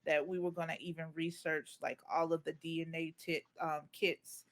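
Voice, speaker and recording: A man's voice: fairly high pitch, little pitch movement, normal speed, fairly bright tone. A man on a podcast, talking casually and earnestly about family with "like" fillers. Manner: earnest, easygoing storytelling with "like" fillers. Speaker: podcast guest. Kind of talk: casual chat.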